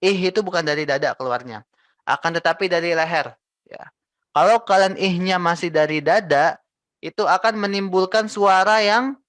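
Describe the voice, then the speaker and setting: A young man teaching Quran recitation, patiently repeating and modelling each syllable slowly. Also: on the high side, a bit bright, no echo. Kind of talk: tajweed lesson with recited examples.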